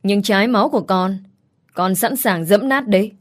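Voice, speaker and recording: A woman voicing a cold, cruel rich young man in an audio story, speaking flatly and with menace. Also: medium pitch, moderate pace, lightly acted. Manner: flat, menacing.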